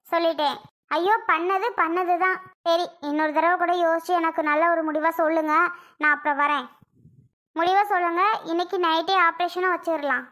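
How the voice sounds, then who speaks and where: A woman voicing a cautious female doctor in a cartoon, giving advice in a measured way. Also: very high voice, a bit bright. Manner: measured, advising. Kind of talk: cartoon voice acting.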